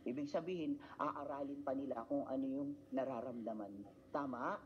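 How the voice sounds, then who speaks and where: A man from the Philippines runs a training seminar in a mid-pitched voice, repeating key words in a chanting rhythm and ending points with quick tag questions. The recording is slightly dull and muffled, with a faint hiss underneath. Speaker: product trainer.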